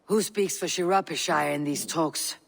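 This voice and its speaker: A calm Viking clan leader in a video game, grave and measured as he counsels restraint. His voice sits a little high, with a long reverb around it. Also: vocal fry.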